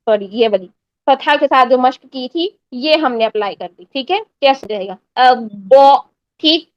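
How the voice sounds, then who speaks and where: A woman's voice: high voice, lively intonation, no echo, highs cut off. A woman teaching a tajweed pronunciation lesson, patiently repeating sounds to demonstrate and checking in often with her students. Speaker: Quran recitation teacher.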